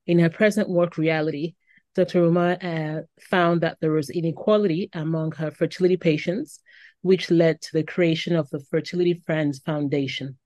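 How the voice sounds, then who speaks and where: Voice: medium pitch, steady tone, normal speed, darkish tone, dry recording. Podcast host, upbeat and welcoming, dry close sound, mid-range voice. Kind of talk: scripted introduction and interview questions.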